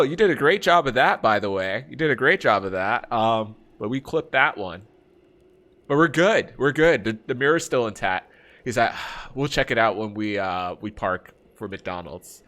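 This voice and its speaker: A man streaming a game, casually telling an anecdote in slangy talk, acting out his friends' lines and laughing often. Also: medium pitch. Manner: relaxed slangy talk, calls people bro and man. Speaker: let's play streamer. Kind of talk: casual storytelling while gaming.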